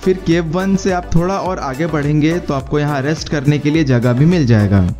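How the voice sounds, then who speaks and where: A man narrating a travel guide in a steady, explaining way, slightly high-pitched and mellow in tone. Faint music plays under his voice-over. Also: moderate pace. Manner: steady explanatory guide tone, mixing English words into Hindi. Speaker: travel vlogger. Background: faint background music.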